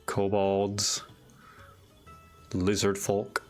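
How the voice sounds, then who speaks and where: A man hosting a livestream, chatting casually and thinking aloud in a halting, musing way. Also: lowish voice, monotone, faint music behind. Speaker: livestream host.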